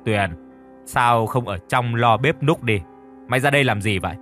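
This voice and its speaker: A man's voice: mid-range voice, normal speed, a bit bright, faint music behind, lightly acted. A man voicing a domineering wealthy older woman who barks orders and stammers in panic. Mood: brusque.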